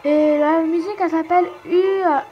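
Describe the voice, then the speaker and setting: Giggly high-voiced woman commenting on a game. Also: steady tone, brisk, muffled recording. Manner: giggly, self-mocking, chatty. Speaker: gaming channel host. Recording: game music playing softly behind. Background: faint game music.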